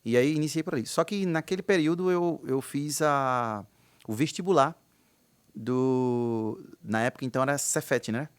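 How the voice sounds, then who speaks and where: A man's voice: mid-range voice, normal speed, clean tone, no echo. Laid-back man from Recife, Pernambuco accent. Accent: Pernambuco Portuguese. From Recife, Brazil. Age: 30s. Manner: laid-back, hesitant, lots of fillers and restarts. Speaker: podcast guest, air-conditioning instructor. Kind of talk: casual podcast chat.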